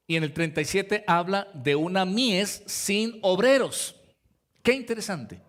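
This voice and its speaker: A man's voice: high-pitched, a bit bright. A man delivers a sermon. He preaches in a conversational way, turning to his listeners directly and acting out the voices in the stories he tells. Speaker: pastor.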